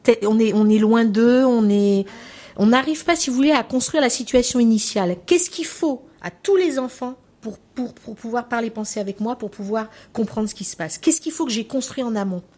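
A woman's voice: on the high side, normal speed, darkish tone. A woman lecturing on how children learn to talk, in a chatty way that keeps coming back to "hein" and "voilà". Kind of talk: spoken lecture with anecdotes.

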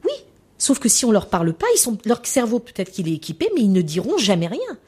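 A woman's voice: medium pitch, sing-song, fairly quick, mellow, husky. A woman lecturing on how children learn to talk, in a chatty way that keeps coming back to "hein" and "voilà". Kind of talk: spoken lecture with anecdotes.

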